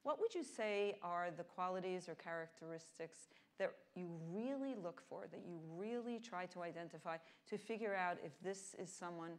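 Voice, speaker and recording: A woman's voice: on the low side, normal speed, few pauses. A woman interviewing a guest on stage, upbeat and direct with her questions. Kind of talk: onstage interview.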